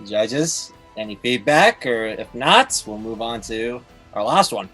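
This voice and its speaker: A man hosts an online competition over a video call. He announces in a casual, slightly hesitant way and fills his pauses with "uh" and "um". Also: mid-range voice, sing-song, bright, forceful tone, faint music behind. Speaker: host.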